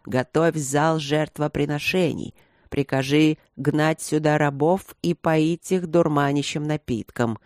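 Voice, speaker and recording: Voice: medium pitch, steady tone, a little slow, darkish tone, no room sound, studio quality, natural voice. A reader voicing a cold, ruthless old emperor who speaks in a hard, curt, commanding tone.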